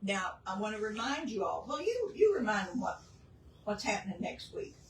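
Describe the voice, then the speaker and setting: An older woman chats in a folksy, easygoing way while co-hosting a home cooking show. She sits well back from the mic in a roomy kitchen with steady noise behind her. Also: mid-range voice, moderate pace. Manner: folksy, chatty. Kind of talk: casual chat. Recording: distant roomy noisy kitchen recording.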